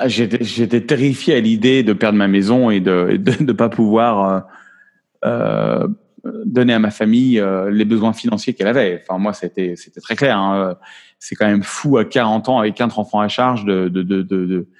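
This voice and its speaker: A man's voice: on the low side, moderate pace, darkish tone. Candid man in his forties, stumbling restarts. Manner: frank, repeats and restarts words often. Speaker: photographer and actor guest. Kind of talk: casual interview chat.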